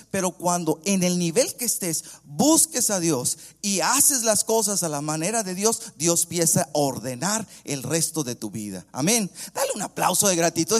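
Pastor preaching in a high voice. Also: male voice. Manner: acts out voices of the people in his story, swinging between loud and hushed. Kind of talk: sermon with acted-out anecdote.

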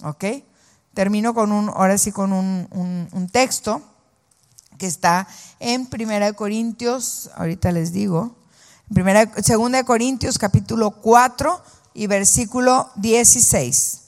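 A woman preaching a sermon to women, reading scripture slowly and having the audience repeat lines after her. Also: medium pitch. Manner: slow, emphatic reading of scripture. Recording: long reverb of a hall.

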